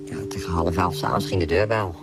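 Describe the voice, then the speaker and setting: A man whose voice is pitched down to hide his identity, giving a plain, halting account as an interviewed worker. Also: steady tone, music in the background. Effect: voice pitched down to disguise it. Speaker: worker interviewed about threats. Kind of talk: recounting in a news interview clip.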